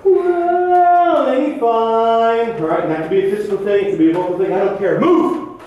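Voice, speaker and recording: A man directing a choir rehearsal, brisk and demanding as he pushes the singers. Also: sits high, steady tone, warm tone, lo-fi sound. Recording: echoey room, far mic, faint noise.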